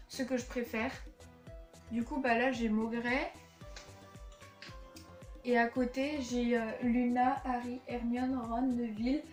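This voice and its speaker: Casting: young woman, fairly high voice, rambling home vlog, echoey room, soft music under. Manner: chatty, with many fillers and restarts. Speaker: vlogger showing her collection. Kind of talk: casual chat. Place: her room at home, indoors.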